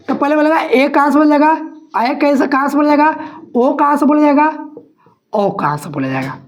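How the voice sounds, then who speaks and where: Female teacher, higher pitch, repetitive question-and-answer exam-prep delivery. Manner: asks questions and answers them herself, repeating each point.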